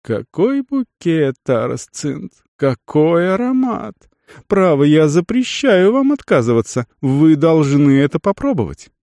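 A male reader voicing a fawning, scheming merchant who coaxes and insists in a sugary, drawn-out way. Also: fairly high pitch, wildly swooping pitch, warm tone, no echo, pitched above the performer's own voice. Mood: gushing.

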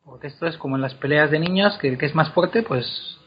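Animated man with a husky voice. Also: fairly high pitch. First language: Spanish. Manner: animated teacher, repeats words slowly to demonstrate. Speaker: guest explaining Elvish pronunciation. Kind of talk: casual explanatory chat. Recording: dull lo-fi podcast recording.

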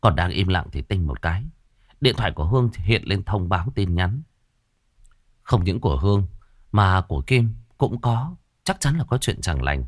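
A man narrating a ghost story with a dramatic, expressive reading. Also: low-pitched, moderate pace, dry recording, studio quality.

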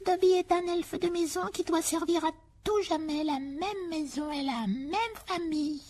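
A woman voicing a tiny, servile male house-elf with a small shrill voice, pleading and overly deferential. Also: normal speed, warm tone. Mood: anxious. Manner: pleading, overly deferential, speaks of himself in third person. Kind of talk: audiobook dramatization.

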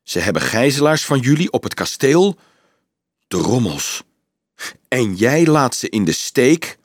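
A man voicing a gruff, barking army officer. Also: mid-range voice, big pitch swings, measured pace, no echo, clean studio sound. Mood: impatient. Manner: barking, curt, impatient.

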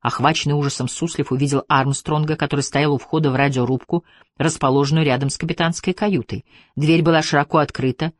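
A man reading a novel aloud as audiobook narration, steady and even. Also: fairly high pitch, no room sound, clean studio sound. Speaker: audiobook reader. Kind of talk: scripted narration.

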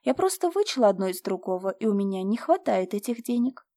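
A woman voicing a young noblewoman who runs an estate, speaking calmly, coolly and firmly, in an audiobook. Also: medium pitch, brisk, no room sound, clean studio sound. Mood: composed. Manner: calm, cool and firm. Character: calm, firm young noblewoman managing an estate.

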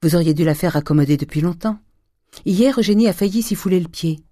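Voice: mid-range voice, fast, warm tone, no echo, clean studio sound, voice pushed up, lightly acted. A reader voicing a meek, dignified middle-aged mother who speaks with restraint.

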